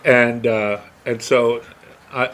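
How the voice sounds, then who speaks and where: A man's voice: medium pitch, steady tone, takes it slowly, fairly bright tone. A middle-aged man co-hosting a podcast in casual chat, rambling from topic to topic and swearing freely. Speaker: podcast co-host.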